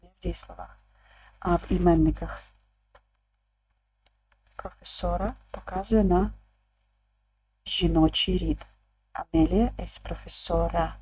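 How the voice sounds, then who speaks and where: A woman teacher explaining an online language lesson calmly, repeating each word aloud. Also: lowish voice, rough recording. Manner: calm, slow, repeats words aloud.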